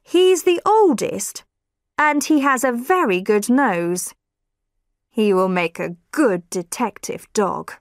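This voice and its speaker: Casting: reader as obliging neighbour, unhurried, dry close sound. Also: female voice, a little high, animated, dry recording. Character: helpful neighbour who owns dogs.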